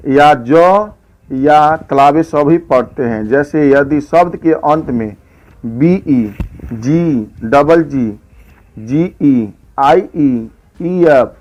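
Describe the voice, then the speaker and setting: A man teaching English pronunciation rules, slowly listing example words one at a time. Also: a little high, darkish tone, rough recording. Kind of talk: slow explanatory lesson.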